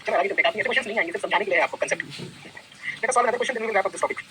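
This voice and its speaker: A man's voice: high-pitched, very fast, pushed and bright, a little hiss or hum, poor audio. A man teaching a university math class, explaining proofs and quizzing his students with repeated questions. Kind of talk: classroom lecture, mixing Hindi and English.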